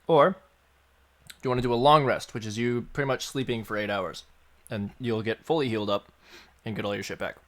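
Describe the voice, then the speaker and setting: A man running a tabletop game on a stream, explaining rules in a relaxed, joking way with fillers. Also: fairly low pitch, a little fast, pauses often. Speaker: game master.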